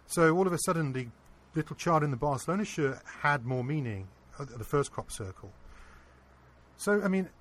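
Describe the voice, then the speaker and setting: A man being interviewed, earnestly telling a personal anecdote in a casual, animated way. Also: fairly high pitch, normal speed. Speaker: interview guest. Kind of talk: casual storytelling.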